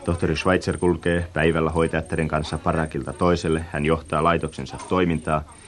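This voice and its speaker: A man narrating a radio travel reportage in a measured, descriptive and reflective way. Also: very deep voice, little pitch movement.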